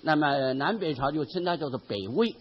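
Husky-voiced monk giving a storytelling sermon. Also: male voice, a little high, expressive. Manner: drawn-out storytelling, frequent trailing "ah" particles. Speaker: Buddhist monk lecturing on a sutra. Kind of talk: dharma lecture with storytelling. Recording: dull lo-fi lecture recording.

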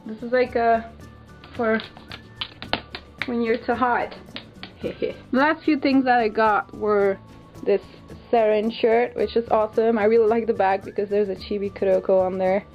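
A woman's voice: fairly high pitch, steady tone, measured pace, soft background music. A woman with a Dutch accent chatting casually and informally as a vlogger, in a rambling, giggly way, filming indoors on a handheld camera. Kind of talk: casual chat, showing a haul. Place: small bedroom, indoors. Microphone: handheld camera's built-in mic. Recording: muffled lo-fi handheld camera sound.

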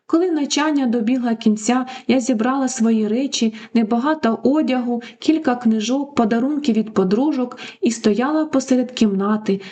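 Mellow, high-voiced woman narrating sorrowfully. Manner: slow, sorrowful and intimate. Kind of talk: scripted first-person life story narration.

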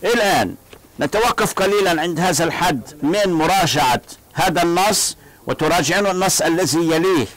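A man with a fairly high voice leads a classroom language lesson. He drills short phrases slowly and has his students repeat them. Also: a bit bright, low-quality recording. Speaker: language teacher. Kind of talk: classroom lecture.

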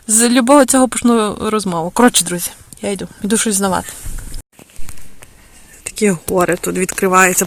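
A middle-aged woman, casually vlogging a road trip and chatting to her viewers as friends. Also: medium pitch. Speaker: village vlogger. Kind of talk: casual travel vlog. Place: in a car and outdoors in a village.

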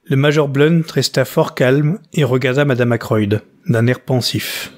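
A man's voice: mid-range voice, measured pace, a little mellow. Man reading a novel aloud. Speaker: audiobook reader.

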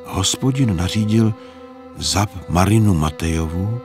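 A man's voice: deep voice, over music, close to an everyday voice. A man doing a meek, pious peasant murderer. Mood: humble. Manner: humble, pious, resigned. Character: meek devout young Carpathian peasant man.

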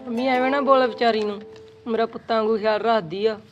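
A man's voice: extremely high pitch, fairly even intonation, fast talker, dull audio, soft background music. A man playing a young college-going brother in a Punjabi village drama, earnestly defending his sister-in-law. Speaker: actor in family drama.

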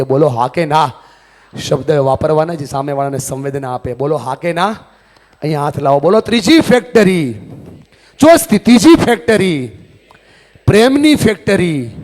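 A man's voice: fairly high pitch, a little mellow. A man giving a live motivational talk, leading the audience in call-and-response and pressing them to answer yes or no. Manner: call-and-response, repeatedly asks the crowd yes or no; commanding, has the audience repeat lines aloud. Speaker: motivational speaker. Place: large hall with a live audience. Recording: long hall reverb.

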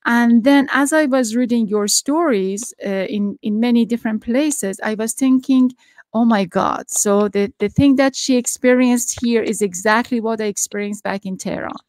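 A middle-aged woman from Iran hosts a video-call interview, her voice a little high and recorded dry and close on a studio mic. She talks earnestly, often restarting her sentences. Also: moderate pace, darkish tone, no room sound. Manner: earnest, with frequent restarts and fillers. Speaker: podcast host. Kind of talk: interview introduction and questions. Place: home study with bookshelves. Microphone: studio microphone with headphones on video call.

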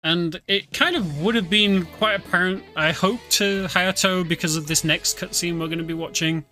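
Speaking at a moderate pace in a high-pitched, sharp voice, a man casually talks through the video game he's playing and explains as he goes. He streams and speedruns, and video game music and vehicle sounds fill the background.

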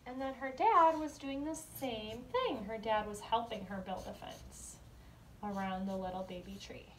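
Here a young woman with a high-sitting voice talks a little slowly while teaching kindergarten from her small home room. She explains plainly and asks questions as if children respond. The recording is rough, with slight background noise, captured by a device camera a step or two away.

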